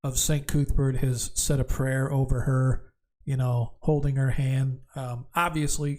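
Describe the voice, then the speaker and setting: A man narrating a tabletop fantasy game as game master, improvising descriptions in a halting way. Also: mid-range voice, darkish tone.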